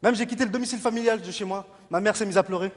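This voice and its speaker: A man from Morocco doing a lively stand-up comedy set in front of an audience, mixing in Moroccan Arabic phrases. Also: high voice, rapid-fire. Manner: lively, switching between French and Moroccan Arabic phrases, acting out his parents. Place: large stage before a live audience. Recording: hall reverb with crowd laughter.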